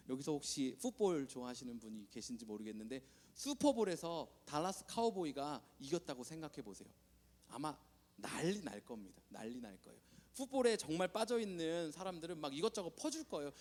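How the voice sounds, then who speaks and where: A man preaching a sermon as a pastor, telling Bible stories with lively, acted-out voices for the characters. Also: on the high side. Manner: animated storytelling, acting out Bible characters. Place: church sanctuary. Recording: long hall reverb.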